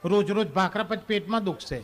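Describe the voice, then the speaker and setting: A man performing a stand-up comedy monologue on stage, telling animated stories and acting out quoted lines from a wife and a husband, with English phrases mixed in. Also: sits high, fast, a faint crowd, slight background noise. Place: stage before a live audience.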